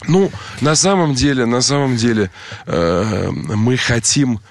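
A man's voice: medium pitch, slow. A man giving unscripted conversational commentary, emphatic and often repeating his words and phrases.

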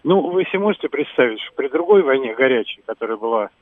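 A man's voice: medium pitch, animated, fast talker, no room sound. Man phoning in, blunt emphatic delivery, narrow landline phone sound, dry and close. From Moscow, Russia. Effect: over a landline phone. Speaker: radio call-in caller. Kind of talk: call-in opinion. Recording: narrow tinny phone line.

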